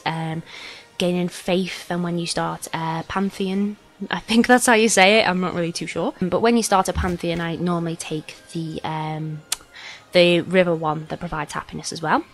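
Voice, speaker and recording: A woman with a slight sniffle gives casual, hesitant let's play commentary, explaining things informally as she goes. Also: fairly low pitch. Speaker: gaming video host.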